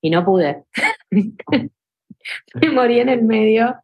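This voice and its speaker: A woman's voice: a little high, lively intonation, slow pace, breathy edge, highs cut off. A young adult woman with a Rioplatense Spanish accent, telling emotional stories as a podcast guest in casual chat, with many fillers like "tipo" and "este". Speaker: ultra trail runner guest.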